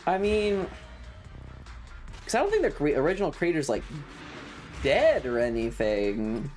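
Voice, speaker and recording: Gaming on a livestream, a variety streamer talks casually, full of crude slang and playful outbursts. The mid-range voice is very animated yet a little slow, with a darkish tone, and soft music plays in the background.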